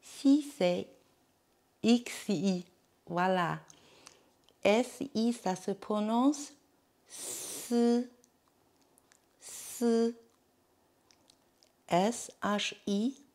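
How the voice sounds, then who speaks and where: A woman's voice: mid-range voice, extremely slow, pauses often, a little mellow. A woman teaching pronunciation in French, patiently repeating each sound and checking that the listener follows. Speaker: Chinese teacher. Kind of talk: slow pronunciation lesson.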